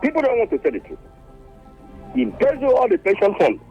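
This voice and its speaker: A man calls into a radio show and speaks with fervent passion, repeating his points. His voice is high and gravelly, and his pitch swings widely. The call sounds dull and lo-fi. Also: wildly swooping pitch, fairly quick, darkish tone, faint music behind. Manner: impassioned, fervent, repeating himself. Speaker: radio caller. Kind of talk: phone-in call. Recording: dull phone line into radio.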